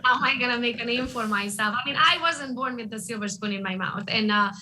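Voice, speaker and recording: A woman from Romania, a guest in an interview, telling her story in a candid, lively way and often checking in with "right?". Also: on the high side, fast talker, poor audio. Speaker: guest, real estate agent. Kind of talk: casual interview talk.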